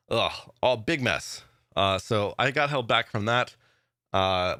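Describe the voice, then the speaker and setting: A man giving a casual vlog update as a gaming YouTuber, excited and rambling with lots of fillers. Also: medium pitch, dry recording, clean studio sound.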